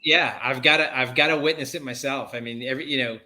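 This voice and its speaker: A man's voice: mid-range voice, fairly even intonation, fast, bright, forceful tone. A middle-aged man answering as an interview guest, plainspoken and sarcastic, laughing at himself.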